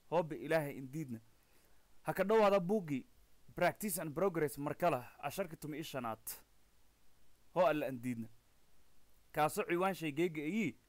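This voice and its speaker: A man with a Maay Somali accent gives a recorded English lesson, and his voice sits fairly high for a man. He is close to the microphone in a dry, dead-sounding space, reading the text and then explaining it word by word. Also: dry recording. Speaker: English teacher.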